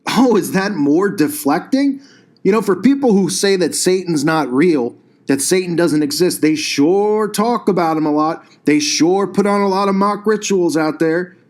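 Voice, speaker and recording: A man's voice: high voice, expressive, normal speed, a little mellow. A male channel host rails through a commentary monologue, emphatic and combative. His voice sits a little above the usual male range and never lets up.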